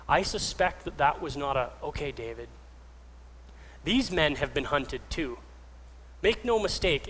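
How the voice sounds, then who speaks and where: A fairly high-voiced man preaching in a big hall with a long echo and a faint hum of ambient noise. He tells the story vividly, dropping to whispers and rising into raised, fervent passages. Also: a bit bright. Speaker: pastor. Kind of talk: sermon.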